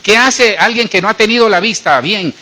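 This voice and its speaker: With a forceful, bright, high-pitched voice at normal speed, a middle-aged man delivers a sermon as pastor. He talks to his congregation directly and conversationally, in a Colombian Spanish accent.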